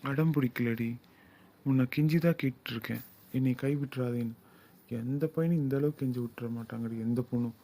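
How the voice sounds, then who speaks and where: Man voicing young possessive lover, insistent, pleading, warm dark voice, audio drama. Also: mid-range voice, brisk, slight background noise, natural voice. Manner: insistent, swings from pleading to commanding. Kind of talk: Tamil audio drama acting.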